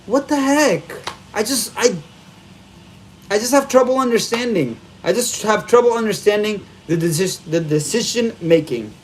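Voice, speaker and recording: A man's voice: high-pitched, moderate pace, a little hiss or hum. A man hosting a live stream, venting in an exasperated post-game rant full of repeated rhetorical questions, talking into a phone camera. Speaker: live stream fan host. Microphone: phone camera held vertical.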